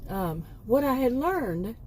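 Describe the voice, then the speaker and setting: A woman's voice: a little high, very animated, slow, a little hiss or hum. A woman in her late fifties chatting casually in a rambling vlog, often correcting herself and chuckling at her own asides. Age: 50s. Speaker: homemaking vlogger.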